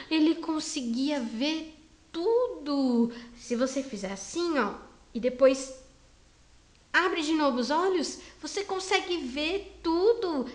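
A woman teaching a Bible lesson to small children, talking gently and simply. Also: high voice, roomy sound. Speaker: Sunday school teacher.

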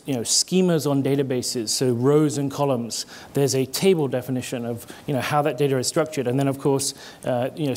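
This is a middle-aged man from Britain presenting conversationally at a conference, wearing a headset mic. His voice is medium-pitched and slightly mellow, with an American twang colouring his British accent. He gestures as he explains and restarts words now and then.

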